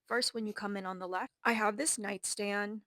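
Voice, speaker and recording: A woman's voice: medium pitch, steady tone, normal speed, sharp tone, no echo. A young woman in her twenties giving a rambling, self-deprecating room tour, a little out of breath. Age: 20s. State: slightly out of breath. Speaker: vlogger. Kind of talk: casual room tour narration.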